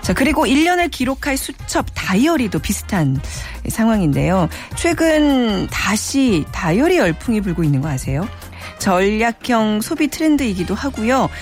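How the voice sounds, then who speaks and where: A woman's voice: a little high, sing-song, normal speed, soft background music. A woman from South Korea hosting a radio talk show in a polished, conversational announcer style.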